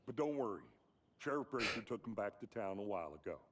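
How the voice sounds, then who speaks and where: A man's voice: on the low side, very animated, fast talker. A man playing a folksy, rambling, slightly hesitant small-town deputy in scripted video game dialogue. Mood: folksy, chatty.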